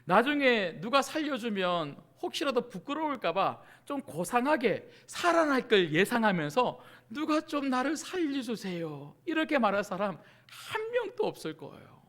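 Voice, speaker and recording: A middle-aged male pastor preaching with a high, bright, sharp-edged voice. His pitch jumps and dips with animated energy. He peppers his congregation with rhetorical questions and acts out desperate pleas before sinking to a near-whisper. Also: moderate pace, hardly any pauses. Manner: swings from loud cries to hushed near-whispers. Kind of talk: sermon.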